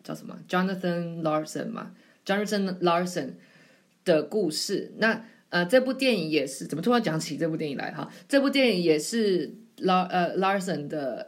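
Chatty young woman, lowish voice. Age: 20s. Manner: chatty, rambling, self-mocking. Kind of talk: casual solo storytelling.

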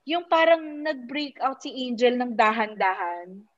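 A woman's voice: a little high, expressive, a little slow. A woman chatting casually about a TV drama, gushing and acting out the lines she quotes. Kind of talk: casual chat reviewing a TV drama. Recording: dull lo-fi sound.

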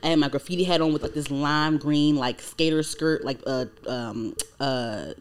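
A woman's voice: deep voice, normal speed, clean tone. A woman in her twenties co-hosting a casual podcast, talking in a loose, rambling way full of likes and ums. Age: 20s. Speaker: podcast co-host.

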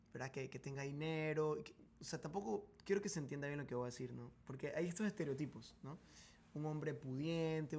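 A man's voice: fairly high pitch, creaky, a little hiss or hum. Man musing with fillers on a podcast. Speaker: co-host. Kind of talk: casual faith podcast chat.

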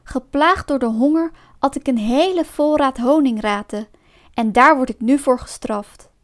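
A woman's voice: high voice, normal speed, natural voice. A woman voicing a cunning male fox in a storybook, sweet-talking and mocking under a show of friendliness. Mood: sly.

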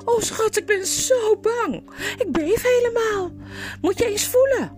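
A woman reading a storybook aloud and voicing a whiny, easily frightened young noblewoman in a high, squeaky, tearful wail. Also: expressive, measured pace, darkish tone, soft background music.

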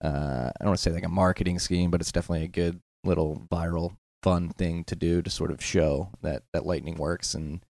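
A man's voice: low voice, steady tone, fairly quick, vocal fry, few pauses, darkish tone, no echo, studio quality. A man talking as a guest on a casual podcast, hesitant and self-deprecating, with plenty of fillers and restarts.

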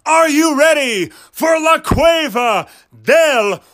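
A man giving a drawn-out, booming boxing ring announcer introduction for a podcast host. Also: animated. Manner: drawn-out booming delivery with shouted calls.

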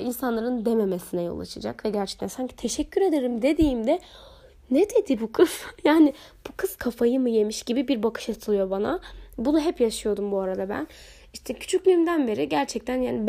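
A young woman with a hoarse voice, hosting a podcast and telling everyday stories in an expressive, chatty way. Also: a little high. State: hoarse, recovering. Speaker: podcast host. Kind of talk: casual solo podcast talk.

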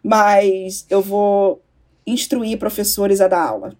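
A woman's voice: mid-range voice, fairly even intonation, takes it slowly, darkish tone. A woman who coaches teachers, speaking as a guest on a casual podcast and asking encouraging questions.

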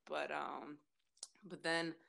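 A woman's voice: sits low, level tone, takes it slowly, creaky, sharp tone. A woman from Latvia with a Latvian accent, chatting casually as an interview guest, talkative and often searching for words. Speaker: interview guest, former college basketball player.

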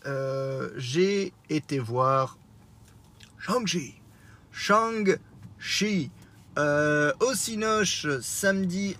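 A man's voice: a little high, a bit bright, slight background noise. A man with a Lorraine accent hosting a casual solo podcast, rambling with lots of fillers and self-corrections, teasing himself, recorded on a smartwatch microphone while driving. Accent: Lorraine French. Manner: self-deprecating. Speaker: podcast host.

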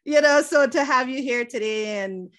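A woman's voice: high-pitched, normal speed, a bit bright. A woman hosting a podcast, welcoming and interviewing her guest in an effusive, gushing way with frequent "um" and "so". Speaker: podcast host.

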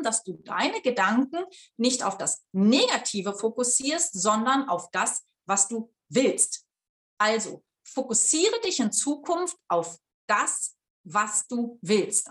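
A woman coach with a slightly high voice gives motivational advice straight to her viewers. She talks bluntly and casually, with the odd swear word. She slows right down to hammer home her main points. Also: a bit bright. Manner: emphatic, slows down to stress key points. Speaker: life coach.

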